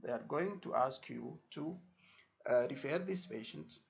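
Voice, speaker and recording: A male tutor gives an informal exam lesson, repeating himself and using short tags to check he's understood. His fairly high voice is creaky and measured in pace, picked up by a dull, lo-fi microphone.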